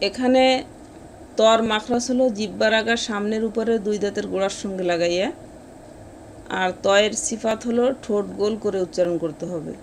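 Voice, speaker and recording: A woman teaching Quran reading, explaining pronunciation rules and then reciting each word slowly and drawn out. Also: mid-range voice, steady tone, slight background noise. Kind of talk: step-by-step recitation lesson.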